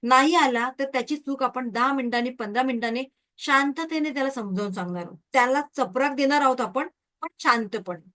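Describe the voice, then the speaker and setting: Woman, high voice, online Reiki teacher, lively, asks the class question after question. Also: a little fast.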